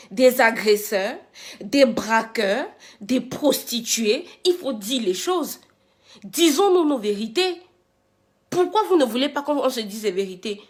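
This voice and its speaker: Woman, fairly high voice, indignant rant, confrontational, emphatic repetition, rhetorical questions. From Africa. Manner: repeats phrases and rhetorical questions. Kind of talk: rant addressed to viewers.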